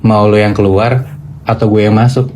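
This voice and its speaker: A man voicing a pale, barefoot female ghost who coaxes and taunts, raising his voice to a higher pitch. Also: steady tone, normal speed, noisy background, close to an everyday voice. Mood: taunting. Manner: coaxing, taunting.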